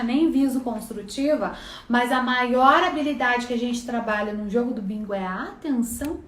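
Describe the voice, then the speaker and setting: Woman, Brazilian accent, high voice, chatty lesson, roomy echo. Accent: Brazilian Portuguese. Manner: chatty, frequent "né" tags. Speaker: neuropsychopedagogy teacher. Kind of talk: casual online lesson.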